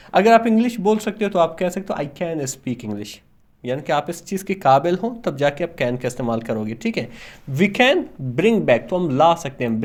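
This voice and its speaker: A man teaches English through a story, in a voice a little higher than most men's. He breaks each sentence into single words and translates them. He often stops to ask himself what comes next. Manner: repeats and translates each word, asks himself questions. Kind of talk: explaining an English story line by line.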